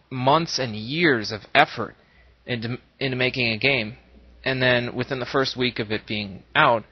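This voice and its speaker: Slightly rough and mid-range, this man's voice has a faintly nasal quality like an oncoming cold. He's an online gaming video creator making Let's Play content, speaking earnestly and reflectively off the cuff, recorded on a dull lo-fi microphone in a boxy room with echo.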